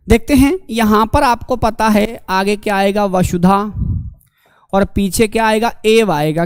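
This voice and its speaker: A man's voice: high-pitched, a little mellow, clear, resonant tone, dry recording, studio quality. Man teaching a Hindi grammar class. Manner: calls students "my dear companions", asks and answers own questions. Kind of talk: online exam-prep lecture.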